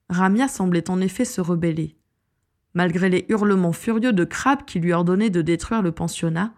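A woman narrating a novel chapter in a measured, expressive storytelling manner. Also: lowish voice. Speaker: audiobook narrator. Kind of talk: scripted audiobook narration.

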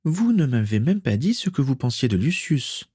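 A man's voice: medium pitch, big pitch swings, moderate pace, a little mellow, husky, no echo, studio quality, voice pushed up. A man voicing an anxious young woman pleading with her father in a storybook reading.

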